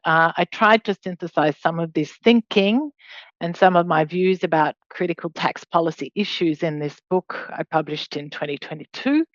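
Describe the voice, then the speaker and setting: Lo-fi and dry, the recording captures a low-pitched middle-aged Australian woman, raised in Hong Kong, guest lecturing in law over a webinar. Her delivery is conversational and explanatory, sprinkled with hedging asides.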